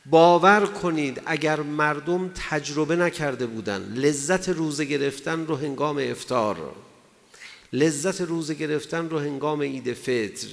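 A man's voice: on the high side, creaky, fairly bright tone. A man giving a sermon in an emphatic way, asking his listeners rhetorical questions. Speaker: religious lecturer. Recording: long hall reverb.

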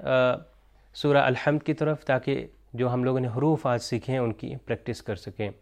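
Male recitation teacher, measured explainer, resonant clean tone, chants examples slowly. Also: mid-range voice. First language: Urdu. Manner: explanatory, mixes in English terms, slow chanted recitation of examples. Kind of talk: recorded pronunciation lesson.

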